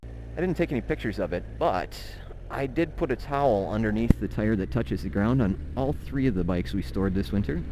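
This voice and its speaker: A man's voice: lowish voice, animated, moderate pace. Midwestern man talking inside a helmet, noisy ride. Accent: American Upper Midwest. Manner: rambling, profane, jokey asides. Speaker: motorcycle vlogger. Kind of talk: casual chat while riding. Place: outdoors, riding a motorcycle. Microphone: microphone inside a motorcycle helmet. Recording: wind and engine noise, helmet mic.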